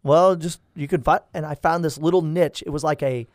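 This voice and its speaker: A man in his thirties, a priest, telling stories in a lively, animated chat and acting out the people he quotes. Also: on the high side, a little fast, dry recording, clean studio sound. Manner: animated storyteller, acts out quoted voices. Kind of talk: storytelling in casual chat.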